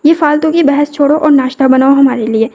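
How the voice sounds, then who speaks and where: A woman's voice: high voice, mellow, natural voice. A woman reading the lines of a rude, domineering young husband in a scripted audio novel, in a mocking, commanding way.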